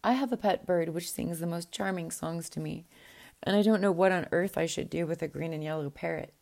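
A woman plays a spirited young princess in a storybook, short and curt with her sisters. The voice stays low and mellow. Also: a little fast, creaky.

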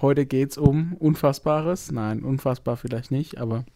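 A man's voice: mid-range voice, measured pace, gravelly, mellow. A man hosting a podcast, chatting casually in a jovial, easily amused way. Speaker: podcast host. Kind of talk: casual chat.

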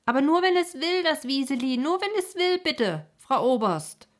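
A woman's voice: mid-range voice, moderate pace, a little mellow, husky. A woman voicing a frail, agitated old sick man who pleads anxiously in a storybook reading. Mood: pleading.

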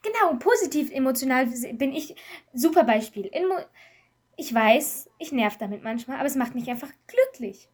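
A woman co-hosting a podcast in casual chat, talking in an animated, rambling way and laughing often. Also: sits high, moderate pace, slightly rough. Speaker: podcast co-host.

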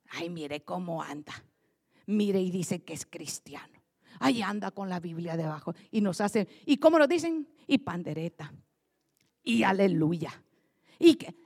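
A woman pastor preaching a lively sermon, switching from quiet asides to loud, rising exhortation. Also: high-pitched, big-room sound. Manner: animated, swings from soft asides to loud preaching.

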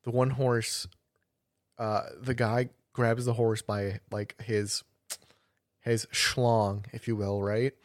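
A man's voice: on the low side, flat delivery, takes it slowly, no echo, clean studio sound. A young man chatting casually as a podcast co-host, rambling through a story with restarts and bursts of laughter. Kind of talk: casual chat.

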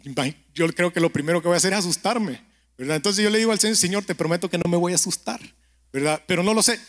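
A man preaching a conversational sermon and prayer, telling stories, speaking straight to the listener and often checking in with a quick question. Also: sits high. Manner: keeps asking the listener "¿verdad?".

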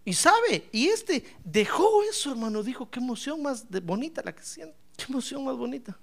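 Animated, gravelly-voiced male pastor preaching. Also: very high voice, moderate pace. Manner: animated, playful, asks the congregation questions; bursts into shouts then drops to soft asides. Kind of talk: lively sermon.

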